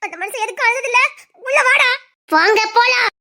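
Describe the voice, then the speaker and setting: A woman playing a shrill, tearful wife with a Tirunelveli accent. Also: a little fast, bright, forceful tone. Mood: tearful pleading. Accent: Tirunelveli Tamil. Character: distraught wife pleading for her husband. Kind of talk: melodramatic web-series acting.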